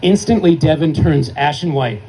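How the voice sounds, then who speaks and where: A man's voice: a little high, animated, normal speed, warm tone, a little hiss or hum, poor audio. A man giving a formal award acceptance speech at a ceremony, earnest and heartfelt, telling a story to make his point. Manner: earnest, heartfelt, emphatic list-making.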